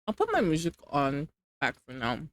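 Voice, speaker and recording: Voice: mid-range voice, huge pitch swings, moderate pace, fairly bright tone, no room sound. A livestreamer chatting casually with chat while eating, rambling and hedging with lots of fillers. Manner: rambling, hedging with many "like"s, reading chat aloud.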